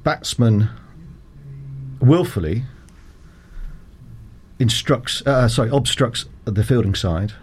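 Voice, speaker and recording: A man working as a cricket umpire, explaining rules in a measured, formal way as an interview guest. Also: mid-range voice, animated, darkish tone, slight background noise. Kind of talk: conversational interview.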